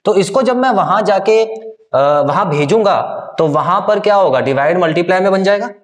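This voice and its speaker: Slightly high-voiced math teacher. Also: male voice, lively intonation, normal speed. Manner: explains step by step, often checks with "clear?". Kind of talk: live online math class.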